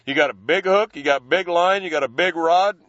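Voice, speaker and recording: A man's voice: on the high side, brisk, fairly bright tone, no room sound, lo-fi sound. A man speaking as an interview guest in casual, folksy, slangy language, explaining things informally. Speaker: professional angler, interview guest.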